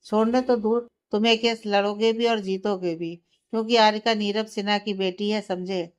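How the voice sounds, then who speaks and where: A commanding old grandfather, put on by a woman reading a story aloud, scolding with firm authority. The voice stays smooth and clear, close to the reader's own, with only a light shift for the old man. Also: mid-range voice, steady tone, moderate pace, natural voice. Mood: angry. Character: stern angry old male grandfather.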